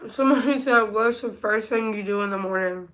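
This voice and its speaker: A woman with a medium-pitched voice chats casually to her livestream while eating, sometimes with her mouth full. She sounds tired as she answers questions in an informal way. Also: brisk, a bit bright. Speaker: live streamer.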